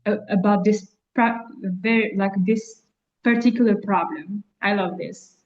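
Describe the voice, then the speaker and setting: A woman from Algeria, an astrologer and spiritual guide, answering interview questions in a halting way. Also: mid-range voice, steady tone, muffled recording. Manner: slow, halting, many fillers and restarts. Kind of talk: interview guest.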